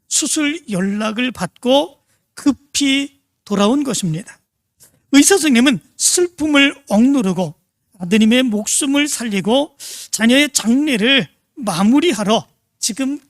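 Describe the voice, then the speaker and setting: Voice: medium pitch, animated, unhurried, dry recording, clean studio sound. A preacher as a sober, explaining nurse.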